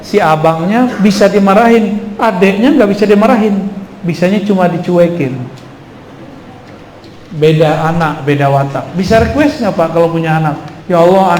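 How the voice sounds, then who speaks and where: Higher-voiced man preaching in an echoey hall. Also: darkish tone. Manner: conversational, quizzes the audience. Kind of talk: Islamic study talk. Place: hall with a live audience. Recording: echoey hall with faint noise.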